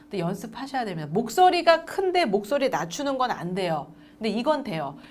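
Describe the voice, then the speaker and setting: A woman's voice: on the high side, big pitch swings, fairly quick, a little mellow. A middle-aged woman giving a lecture to adoptive parents, acting out little dialogues between parent and child as she explains.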